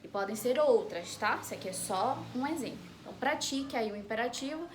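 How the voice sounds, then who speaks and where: A woman's voice: on the high side, lively intonation, brisk, slight background noise. Brazilian woman teaching an online class. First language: Portuguese. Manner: explains step by step, often checks with "ok?" and "né?". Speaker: Spanish teacher.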